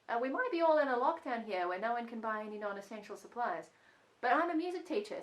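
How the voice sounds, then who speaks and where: A woman music teacher leading a children's music lesson at home, playful, singing song lines between her spoken instructions. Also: medium pitch. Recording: voice a little distant from the mic.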